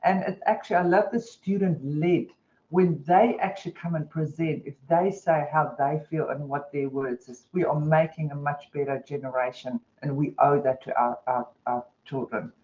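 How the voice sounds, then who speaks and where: A woman's voice: deep voice, fairly even intonation, moderate pace, warm tone. A woman with a New Zealand accent presents a teaching webinar in a chatty, conversational way, with many fillers. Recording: dull lo-fi webinar audio.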